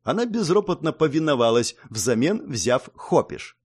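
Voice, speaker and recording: Brief: male audiobook narrator, wry and sardonic, fairly high voice, very animated. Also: moderate pace, breathy edge. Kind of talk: first-person audiobook narration.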